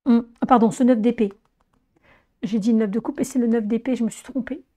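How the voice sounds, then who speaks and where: A woman with a hoarse voice, weakened by laryngitis, gives an informal tarot reading, explaining things directly to her viewers. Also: on the high side, fairly even intonation, brisk, mellow. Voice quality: hoarse, strained voice. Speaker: tarot reader presenting a monthly horoscope reading.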